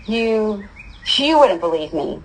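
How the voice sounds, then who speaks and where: A woman voicing a sharp-tongued, nervous teenage girl in a storybook reading. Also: medium pitch, very animated, slow, pitched above the performer's own voice, rough recording. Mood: fearful.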